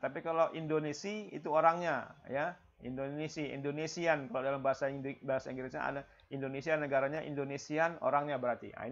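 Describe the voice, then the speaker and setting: A man teaching an online Arabic class, explaining vocabulary slowly and repeating each phrase, often tagging lines with "ya". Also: a little high, dull audio. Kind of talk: online language lesson. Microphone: video call.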